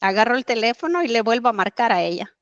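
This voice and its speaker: A woman's voice: a little high, expressive, dry recording. Earnest woman telling a story, lo-fi. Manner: earnest, halting, with frequent fillers. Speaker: interview guest. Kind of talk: personal storytelling in conversation.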